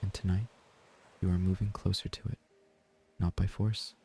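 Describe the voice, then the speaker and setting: A man gives a slow, soft-spoken guided sleep meditation in a gentle, breathy near-whisper. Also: deep voice, flat delivery. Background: ocean waves and gentle music.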